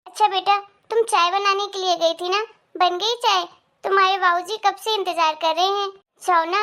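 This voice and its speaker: A fussy, scolding older mother-in-law in an animated family story, voiced by a woman. She fusses loudly over her morning tea in a very high, piping voice. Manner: fussy, scolding, higher and louder.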